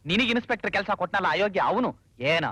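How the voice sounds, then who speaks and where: An actor playing a lawyer who keeps teasing his friend with quick joking retorts. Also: high voice, lively intonation, bright, forceful tone, breathy edge, no room sound, full character voice. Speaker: government lawyer.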